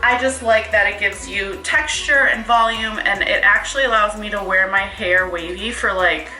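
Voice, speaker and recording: A woman's voice: mid-range voice, normal speed, bright, forceful tone, roomy sound, soft background music, low-quality recording. A young woman and hair stylist chatting casually through a home tutorial, rambling with lots of fillers and asides, a bit out of breath.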